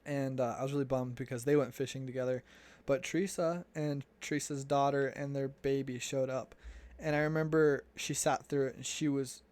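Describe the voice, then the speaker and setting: A young man recounting a personal story in a loose, casual way, full of fillers and restarts. His pitch stays mid-range and quite flat, moving little from line to line. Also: moderate pace. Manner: relaxed, chatty, with many fillers and restarts. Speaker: returned missionary storyteller.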